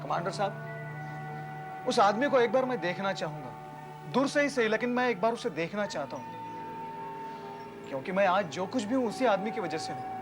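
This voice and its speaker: An actor playing an emotional young man who begs to see the donor who saved his life, in a TV serial. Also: on the high side. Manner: pleading, emotional. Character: grateful young kidney recipient, emotional. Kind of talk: TV serial acting.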